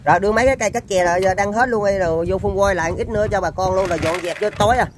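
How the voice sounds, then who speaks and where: High-pitched Southern Vietnamese man selling machinery. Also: racing, noisy background. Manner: repetitive, chatty hands-on patter. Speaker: seller of used machinery. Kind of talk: informal live sales demonstration.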